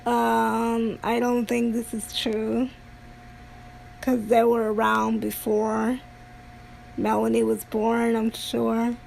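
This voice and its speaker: A woman streamer chatting casually on a livestream in a halting way, often pausing mid-sentence. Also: fairly high pitch, completely flat delivery, creaky, a little mellow, a little hiss or hum, rough recording. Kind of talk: casual rambling livestream talk.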